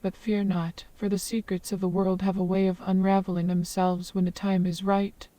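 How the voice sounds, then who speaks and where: A woman's voice: medium pitch, flat delivery, moderate pace, mellow, no echo, recorded from a distance, close to an everyday voice. A synthetic woman's voice playing a wise old hermit woman of the forest who speaks in long, ornate, formal sentences. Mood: calm, flowery.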